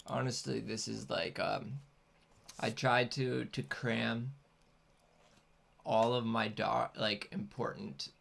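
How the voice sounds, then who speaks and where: Man, heavy vocal fry, medium pitch, casual, hesitant, rambling host chat. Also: level tone, takes it slowly, long pauses, fairly bright tone. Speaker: host, content creator.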